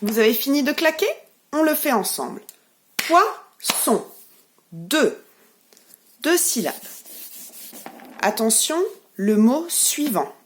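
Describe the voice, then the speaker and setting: A woman with a French accent, a preschool teacher giving a remote lesson to young children, speaking slowly and clearly with encouragement. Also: sits high, expressive, a little hiss or hum. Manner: slow, clearly articulated, encouraging.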